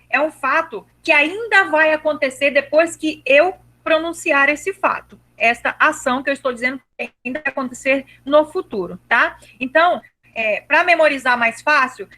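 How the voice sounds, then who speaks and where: Bright high-pitched woman teacher. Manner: patient, repeats and checks students understood; slows down to stress verb endings. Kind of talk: live online grammar lesson.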